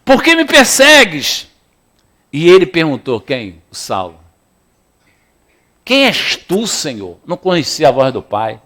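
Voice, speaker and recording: A man's voice: mid-range voice, a little slow, long pauses. A man preaching a sermon in a church, playful and calling on the congregation to respond. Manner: lively, playful preaching with audience call-and-response. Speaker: pastor.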